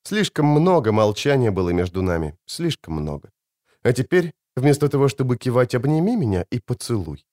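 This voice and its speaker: A man's voice: mid-range voice, sing-song, normal speed, lightly acted. A man voicing a commanding adult sorceress in a fantasy audiobook, speaking curtly. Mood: firm. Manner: curt, then softening. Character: Yennefer, commanding sorceress woman.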